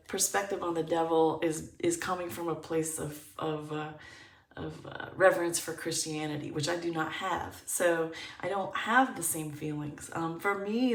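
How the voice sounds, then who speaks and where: A woman leads a pick-a-card tarot reading in a low, unhurried voice. She thinks out loud, stopping to search for words while staying upbeat. Her voice is recorded a little away from the mic in an echoey room. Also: far from the mic. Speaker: tarot reader.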